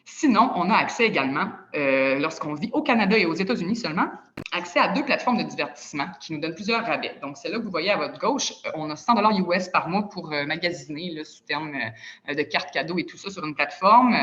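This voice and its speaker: A woman's voice: deep voice, expressive, quick pace, a bit bright, lo-fi sound, slight background noise. A woman with a Quebec French accent giving a chatty, persuasive sales presentation over a video call. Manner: chatty and persuasive, with casual asides. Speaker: presenter of a travel club.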